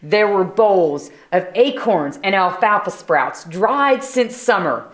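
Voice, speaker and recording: A woman reading aloud a children's story in an animated style, adding brief chatty asides. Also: mid-range voice, slow pace. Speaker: storybook reader.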